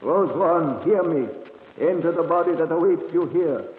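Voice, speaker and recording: A man's voice: fairly high pitch, slight background noise, lightly acted. A man playing a sinister, hypnotic mesmerist. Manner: slow, commanding incantation. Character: sinister male mesmerist commanding a soul. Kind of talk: 1940s radio acting. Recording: echoey hall on tinny old radio.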